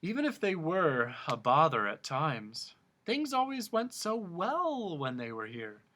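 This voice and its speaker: A man voicing a blustering, gloomy middle-aged king who booms out commands. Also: huge pitch swings, unhurried, pushed and bright, full character voice. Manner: booming, commanding.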